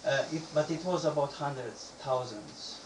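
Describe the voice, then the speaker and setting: At a normal speed and mid-range pitch, a Bosnian audience member hesitantly questions a speaker, often restarting and repeating himself. He sounds far from the microphone, in an echoey space with noticeable background noise.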